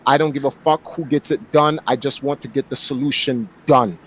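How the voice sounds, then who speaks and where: A man's voice: medium pitch, steady tone, brisk, a bit bright, husky, low-quality recording. A man in his forties, a guest on a casual online panel, talking emphatically and often repeating words as he starts a thought. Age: 40s.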